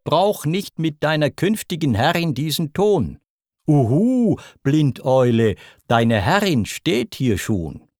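A man's voice: medium pitch, sing-song, takes it slowly, no echo, studio quality. A man voicing a haughty female warrior goddess in a spoken verse epic, sneering and scornful.

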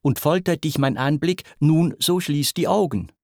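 A man's voice: fairly high pitch, normal speed, dry recording, clean studio sound, pitched above the performer's own voice, lightly acted. A man voicing a young woman from myth, coy and pleading in a raised, imploring voice. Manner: raised, imploring, sighing delivery.

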